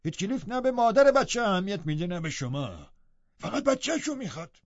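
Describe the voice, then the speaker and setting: A man reading a story aloud, voicing a surly, pious old male servant who talks loudly and insists on his demands. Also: big pitch swings, no room sound. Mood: insistent. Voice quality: high strained old man's voice. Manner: loud, commanding, insistent. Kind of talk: audiobook reading. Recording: dull, dry studio recording.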